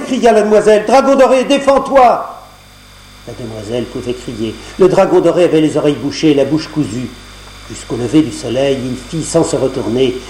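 A man reading a fairy tale aloud in a measured, expressive way, on a roomy cassette recording with a faint hum. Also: mid-range voice. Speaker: storyteller.

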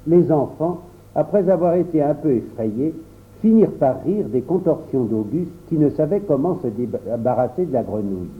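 A man reading a children's story aloud in an expressive storytelling manner, in a tinny phone-like recording. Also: a little high. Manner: animated, unhurried storytelling. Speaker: storybook reader.

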